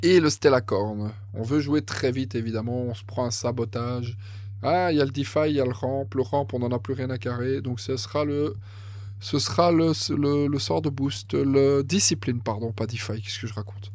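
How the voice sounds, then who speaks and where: Excitable French card game commentator, man. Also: medium pitch, normal speed, no echo. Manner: excitable, thinks aloud, corrects himself. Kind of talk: casual match commentary.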